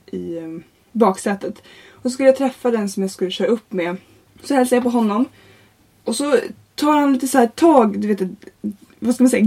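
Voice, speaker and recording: Husky, mellow young woman telling stories. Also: medium pitch. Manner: animated, laughs often, swears casually. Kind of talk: casual chat, comic storytelling.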